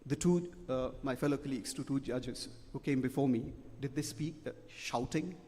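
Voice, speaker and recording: A man's voice: mid-range voice, moderate pace, mellow. A middle-aged man, giving emphatic, repetitive feedback as a debate judge and ending his points with "okay?". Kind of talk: spoken feedback to students. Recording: long hall reverb.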